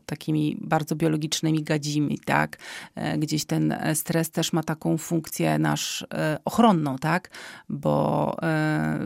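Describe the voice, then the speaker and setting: Low, creaky-voiced woman explaining calmly. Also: no echo, studio quality. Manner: calm and explanatory, often ends points with a questioning "tak?"; frequent hesitation fillers. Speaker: psychology expert guest. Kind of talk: explanatory interview answers.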